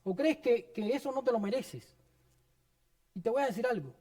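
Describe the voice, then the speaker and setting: High-voiced man preaching a sermon. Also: expressive, normal speed, mellow. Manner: earnest, personal, addresses listeners as brothers. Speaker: pastor. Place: church.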